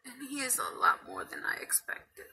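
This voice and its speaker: An emotional woman gushing through a casual unboxing vlog, often dropping to a hushed whisper. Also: high-pitched, huge pitch swings, moderate pace, slight background noise, poor audio. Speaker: reborn doll collector.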